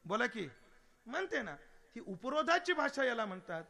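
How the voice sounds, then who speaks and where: A man preaching a devotional kirtan sermon, animated and humorous, asking rhetorical questions and breaking into sung verses. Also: very high-pitched, moderate pace.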